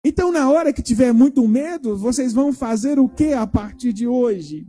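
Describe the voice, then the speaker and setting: A man's voice: very high voice, normal speed, slightly rough, faint music behind. A male pastor giving a children's sermon in a church, retelling a story and asking the children questions as he goes. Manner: animated, asks the children questions.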